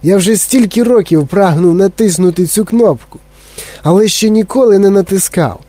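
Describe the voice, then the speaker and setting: A giddy, eccentric candy maker, put on by a male reader, gushes in a raised, bright-edged voice full of exclamations. The tone stays husky and close, with a dry, dead sound around it. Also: sits high, normal speed, no echo, voice pushed up. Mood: excited. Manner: gushing, breathless, exclamatory.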